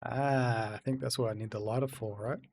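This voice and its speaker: In a casual let's-play stream, a man reads viewer messages aloud and answers them while he plays. He talks briskly at a medium pitch with fairly even intonation and a darkish tone, with a little hiss or hum in the audio.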